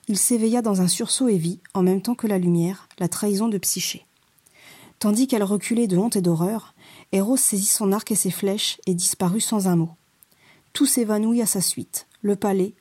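Woman storyteller, storybook narration, measured and expressive, dark mellow voice, husky. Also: medium pitch.

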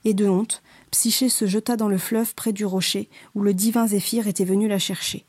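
A woman reads a storybook tale in a measured, expressive way. Her voice is mellow and dark, with a husky grain. It suits a calm bedtime telling. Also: mid-range voice. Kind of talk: storybook narration.

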